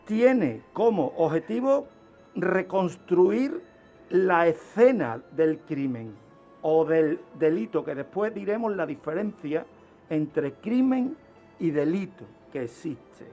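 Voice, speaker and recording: Faint music plays behind this high-pitched, expressive man, who speaks slowly in a darkish tone. He is a criminologist from Spain with a Spanish accent, guesting as an expert on a radio show and asking questions he then answers himself.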